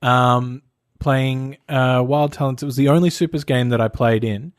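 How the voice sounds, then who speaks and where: A man's voice: mid-range voice, steady tone, normal speed, dry recording, clean studio sound. A man co-hosting a podcast, speaking hesitantly with many fillers. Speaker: podcast co-host, game master. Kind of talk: casual chat.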